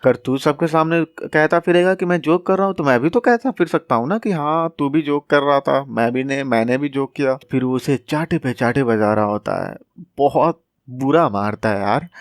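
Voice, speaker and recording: A man's voice: medium pitch, no echo, studio quality. A young man retelling a comic story in casual slangy style, joking asides and acting out the characters' lines. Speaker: manhwa recap narrator.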